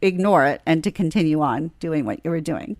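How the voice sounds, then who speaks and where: A woman's voice: deep voice, animated, fairly quick, darkish tone, no room sound. A woman hosting a podcast, asking playful, probing questions in casual chat. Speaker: podcast host.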